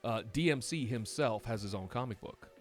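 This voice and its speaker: A man with a New York accent, hosting a podcast and telling stories in casual chat, animated and swearing freely. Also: mid-range voice, normal speed, faint music behind. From United States. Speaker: podcast host.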